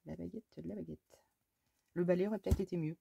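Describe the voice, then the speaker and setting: A Frenchwoman chats casually while scrapbooking, muttering to herself, exclaiming at little mishaps, and cooing to her cat between steps in a crafting vlog. Her voice is fairly low, gravelly and warm, with fairly even intonation and a slightly quick pace. The audio is dull, with a little hiss or hum.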